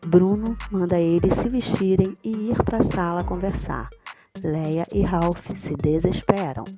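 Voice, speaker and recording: A woman's voice: on the low side, unhurried. Woman narrating a soap recap. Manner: matter-of-fact retelling of scenes, reading out dialogue. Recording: background music under the voice.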